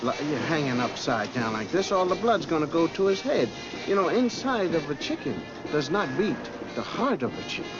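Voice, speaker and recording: A quick, blustering agent with a high, lively voice that jumps around a lot. He sounds dull and lo-fi, like an old TV soundtrack, with music clearly underneath. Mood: earnest. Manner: lively, pleading, comic bluster.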